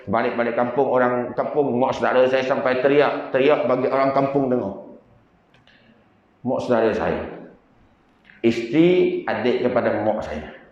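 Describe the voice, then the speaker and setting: A male preacher from Sarawak whose first language is Bidayuh gives a humorous mosque lecture with lively storytelling and jokey asides. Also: mid-range voice. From Sarawak, Malaysia. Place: mosque hall. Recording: echoey dull lo-fi mosque sound.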